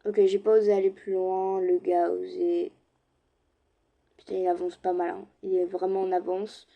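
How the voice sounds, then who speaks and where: A young woman chatting casually to her viewers while playing an online game, with quiet murmured asides. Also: fairly low pitch, level tone, moderate pace, gravelly, dull audio. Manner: chatty, addresses viewers directly, slips into soft asides. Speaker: gaming streamer. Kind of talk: casual let's-play commentary.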